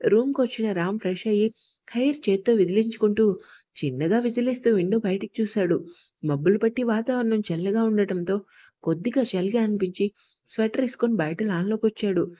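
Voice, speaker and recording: A woman narrating a love story in a steady, even reading voice. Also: medium pitch, a little fast, no echo, clean studio sound.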